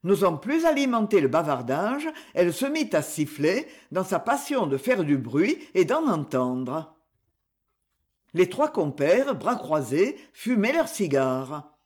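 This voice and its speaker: A woman narrating a classic novel as an audiobook, reading in an unhurried, expressive way. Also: on the low side.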